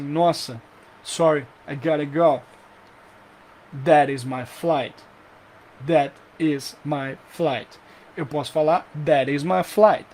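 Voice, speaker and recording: A young Brazilian man teaching an English lesson, lively and repeating example phrases slowly. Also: fairly high pitch, slight background noise. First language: Portuguese.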